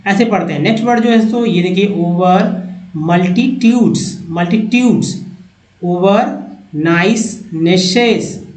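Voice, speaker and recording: A man teaching English vocabulary in Hindi. He reads each word slowly, repeats it, and addresses viewers as friends. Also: high voice, darkish tone, echoey room, low-quality recording.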